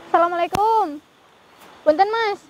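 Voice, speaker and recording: This frightened ghost-hunting vlogger prays aloud often as she investigates, her extremely high voice moving at a measured pace with a darkish tone. The audio has its highs cut off and a little hiss or hum.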